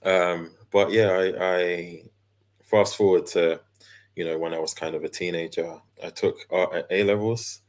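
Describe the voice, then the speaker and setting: A man, chatting easily as an interview guest, relaxed and full of fillers and small laughs. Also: low voice, unhurried. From London, England. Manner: laid-back, easygoing, with many fillers and laughs. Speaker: guest, character designer and illustrator. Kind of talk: casual interview chat.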